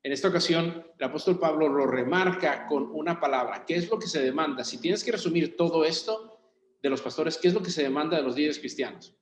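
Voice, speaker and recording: A man teaches a Bible study as pastor, with a slightly raised pitch. He talks conversationally and keeps turning questions to the group. The room adds a noticeable echo. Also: a little fast. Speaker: pastor leading a young adults Bible study. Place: church meeting room. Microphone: room recording for a video call. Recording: roomy echo.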